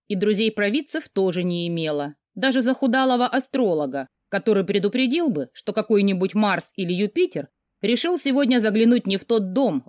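A woman reads a first-person novel aloud with lively, expressive storytelling. Her voice moves widely in pitch. The recording is close and dry, with no room echo. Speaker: audiobook narrator.

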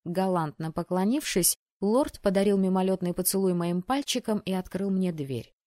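Expressive woman reading a novel. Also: mid-range voice, normal speed, no room sound, studio quality. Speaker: audiobook reader. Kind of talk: first-person novel narration.

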